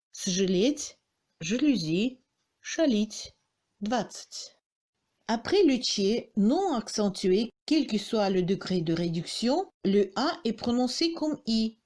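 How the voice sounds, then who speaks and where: Russian-accented lady teacher, slow and careful, kinda mellow darkish tone. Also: a little high. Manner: slow, careful, articulating example words one by one. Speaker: language teacher. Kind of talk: scripted pronunciation lesson.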